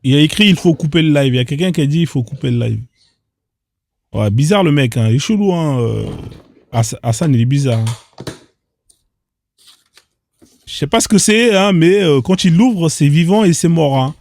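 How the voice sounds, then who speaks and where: A man's voice: a little high, lively intonation, moderate pace, vocal fry, pauses often, darkish tone, dry recording, studio quality. A man hosting casual reaction commentary on odd internet clips, incredulous and firing off rhetorical questions in street slang. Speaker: host reacting to social media clips.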